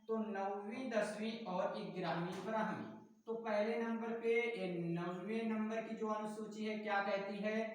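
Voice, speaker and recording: A man's voice: sits high, steady tone, measured pace. A male coaching teacher giving a playful classroom lecture built on mnemonics, asking questions and answering them himself. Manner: playful, asks and answers his own questions. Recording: very echoey room, mic far off.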